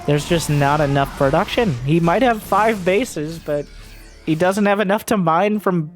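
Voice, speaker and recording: A man's voice: a little high, unhurried. A man giving live play-by-play commentary on a video game match, exclaiming animatedly as play turns. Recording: music behind the voice. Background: music.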